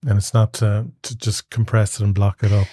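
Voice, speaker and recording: Mellow podcast host with a Galway accent. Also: low voice, level tone, a little fast, dry recording, clean studio sound. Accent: Galway, west of Ireland. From Galway, west of Ireland. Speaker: podcast host interviewing a guest. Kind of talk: casual conversational interview.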